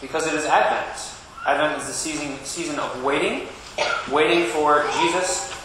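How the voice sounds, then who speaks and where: Male pastor, children's sermon, gentle and playful, booming church echo. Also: normal speed, recorded from a distance. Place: church sanctuary. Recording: very echoey church with background noise.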